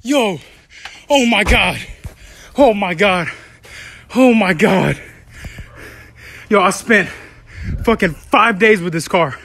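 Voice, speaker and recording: A man in a casual vlog, overwhelmed with excitement and repeating himself. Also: high-pitched, slow pace, pauses often, slight background noise.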